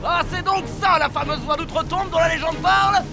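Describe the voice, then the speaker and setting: High-pitched, swashbuckling pirate hero. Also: male voice, fairly quick. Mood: defiant, mocking. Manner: theatrical, declamatory, taunting. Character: swashbuckling male pirate hero, bold, mocking, grandiloquent. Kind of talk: dramatic pirate adventure acting. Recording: loud music and crowd noise behind.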